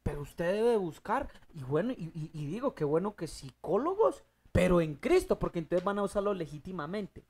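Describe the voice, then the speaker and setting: A Bible teacher leading a study group, emphatic, putting questions to the audience and answering them, with loud rising bursts. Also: medium pitch, very animated, normal speed, hardly any pauses, breathy edge.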